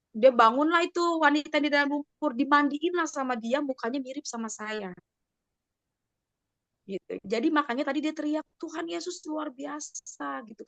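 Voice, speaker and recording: A woman's voice: high-pitched, a bit bright, dry recording. A woman giving a personal testimony on a video call, telling her story with animation and acting out the voices of others.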